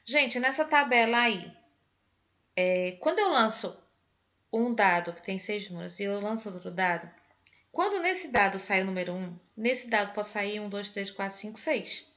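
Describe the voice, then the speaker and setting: A woman with a Pernambuco Brazilian accent teaches math over a video call, patiently counting through each example step by step. Her voice sits in a middle pitch range. The online class audio is dull and lo-fi. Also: lively intonation, normal speed, sharp tone. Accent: Pernambuco Brazilian Portuguese. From Northeast Brazil.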